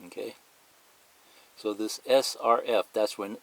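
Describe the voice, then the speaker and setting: The recording is rough; the man's voice sits on the low side yet sounds fairly bright, with fairly even intonation and an unhurried, slow delivery. As a hobbyist instructor, he shows a practical task step by step in plain language, pointing things out, repeating himself, and reading parts of a manual aloud.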